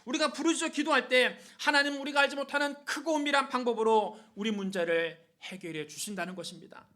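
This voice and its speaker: A man's voice: very high voice, fast, bright, forceful tone. A male pastor preaching a fervent Sunday sermon to his congregation.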